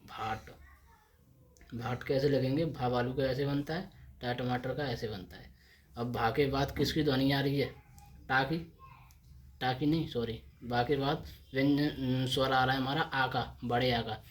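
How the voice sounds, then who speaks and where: A man's voice: mid-range voice, fairly even intonation, measured pace, pauses often. Man teaching step by step. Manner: repetitive, asks and answers his own questions. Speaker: shorthand teacher. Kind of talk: board lesson explaining step by step.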